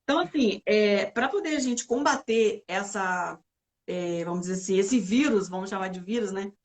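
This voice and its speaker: A woman psychologist talking through emotional health in a relaxed church conversation, explaining step by step with frequent tag questions. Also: mid-range voice, normal speed. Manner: explanatory, many filler "né"s, acts out complaints.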